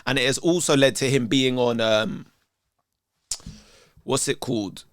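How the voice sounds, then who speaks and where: A man's voice: medium pitch, steady tone, measured pace, no echo, clean studio sound. A man, chatting casually while he reacts to videos, streetwise and loose. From England. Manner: chatty, streetwise, says "you know what I'm saying" often.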